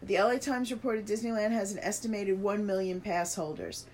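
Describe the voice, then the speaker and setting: A woman's voice: mid-range voice, fairly even intonation, brisk, a little mellow, slight background noise. A woman co-hosting a podcast, reading an article aloud and adding her own casual remarks, with the hiccups. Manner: reads aloud and adds asides, with fillers. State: has the hiccups. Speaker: podcast co-host reading news.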